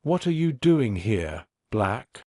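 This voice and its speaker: Man reading as a gruff federal agent. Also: fairly low pitch, very animated, slow pace, a little mellow, dry recording, clean studio sound, exaggerated voice. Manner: growling, curt.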